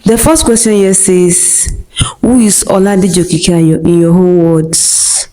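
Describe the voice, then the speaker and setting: Young Nigerian woman, Nigerian accent, unhurried reader of her own Q&A, warm dark tone. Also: lowish voice, fairly even intonation, low-quality recording. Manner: slow and deliberate, reads each question aloud before answering with short laughs. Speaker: content creator answering viewer questions. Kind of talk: scripted question-and-answer monologue.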